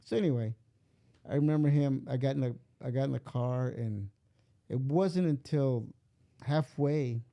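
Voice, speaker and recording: Gravelly and warm, his mid-range voice carries a meandering personal story told in a relaxed interview. He's an older man and a father, and he voices the characters in the quoted dialogue himself.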